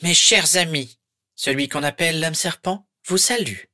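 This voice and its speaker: Man putting on a high hissing wizard villain. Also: sharp tone, no echo, clean studio sound. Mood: menacing. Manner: slow, honeyed, threatening. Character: menacing dark wizard, cold hissing male villain. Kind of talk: audiobook character voice.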